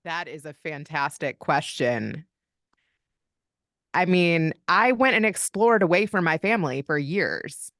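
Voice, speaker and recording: Speaking unhurriedly in a low-pitched, expressive voice with a fairly bright tone, a Kentucky woman guests on a podcast and shares family stories in an open, chatty way. The interview is casual. The audio is studio quality, with no room sound.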